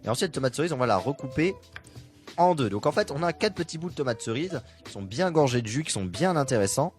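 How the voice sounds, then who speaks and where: Male radio host, playful and jokey, brisk delivery, studio mic. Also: medium pitch, big pitch swings, faint music behind. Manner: playful, joking, running commentary. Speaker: radio host cooking on air. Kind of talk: casual radio chat. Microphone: studio microphone.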